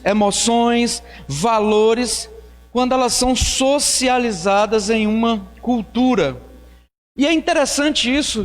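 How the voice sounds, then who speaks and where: A man's voice: very high voice, big-room sound. A man preaching a Bible study in a conversational way, with fillers and rhetorical questions to the congregation. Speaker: pastor. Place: church.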